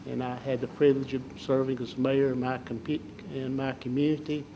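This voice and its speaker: Older guy w a southern alabama accent, bit of fry in the voice, folksy halting candidate interview, slight background noise. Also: mid-range voice, level tone. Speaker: political candidate. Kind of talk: interview answers.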